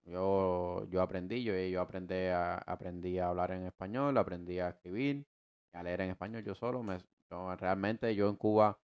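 Though the audio is dull, this man's low voice sounds clear and resonant. He's an American podcast co-host in his twenties with a Cuban Spanish accent, relaxed and slangy as he rambles about his life with many restarts.

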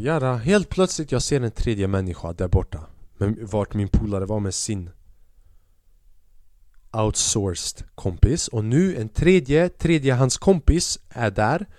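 A man's voice: medium pitch, darkish tone, no echo, studio quality. Slangy man telling a comic story. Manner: casual, slangy, swearing. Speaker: podcast host.

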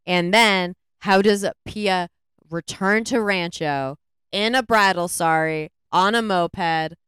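A woman co-hosting a podcast, retelling a film's plot in a rambling, animated way with lots of "like"s. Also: fairly low pitch, takes it slowly, clear, resonant tone, no room sound, studio quality. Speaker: podcast co-host. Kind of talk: casual movie review chat.

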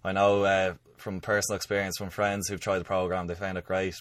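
A man's voice: low voice, little pitch movement, brisk, dry recording, clean studio sound. A man with an Irish accent hosting a podcast, introducing and chatting in plain conversational language. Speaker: podcast host.

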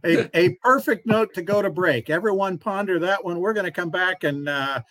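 A man hosting a casual sports talk show, relaxed in manner and steering the talk to breaks. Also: sits high, moderate pace, no room sound. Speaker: host.

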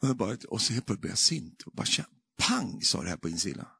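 A man with a gravelly, husky voice preaches a testimony, telling his story with many tag questions. He builds to fervent, emphatic declarations, and his voice sits close and dry in the recording. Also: fairly low pitch, sing-song, pushed and bright, no echo. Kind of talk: sermon testimony.

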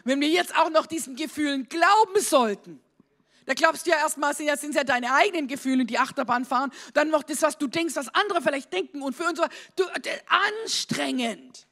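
A woman preaching a charismatic sermon to a congregation, swinging from shouted declarations to quiet conversational asides and asking them questions. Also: sits high, brisk. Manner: talks straight to the congregation with questions and amens.

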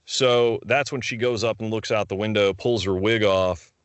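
A man's voice: lowish voice, steady tone, normal speed, clean tone, no echo. A man in casual conversation, retelling film scenes and acting out the characters' lines.

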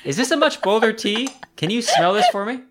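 A man's voice: sits high, fairly quick, a little hiss or hum. Laid-back guy chatting about tea, jokey, lots of likes and ums. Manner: relaxed, joking, lots of fillers. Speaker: tea enthusiast guest. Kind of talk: casual tea tasting chat.

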